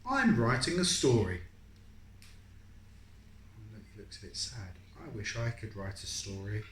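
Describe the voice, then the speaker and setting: A medium-pitched, sing-song adult voice reads a picture book at a measured pace to a young child. The reader is encouraging, poses guiding questions and confirms the replies, and lengthens phrases from the story. Expect roomy echo and some background noise from an echoey room at home.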